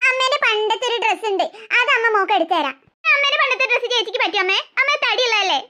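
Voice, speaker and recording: A doting cartoon mother, voiced by a woman, fussing, coaxing and gently scolding. The voice is pitched high and bright for a mother. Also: racing. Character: fussing, soothing middle-aged mother. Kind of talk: cartoon story voice acting.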